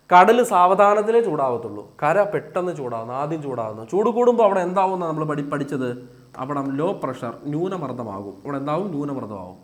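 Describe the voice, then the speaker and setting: A man teaching an exam-prep lesson with a Malayali accent, asking questions and answering them himself and repeating key points. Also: fairly high pitch.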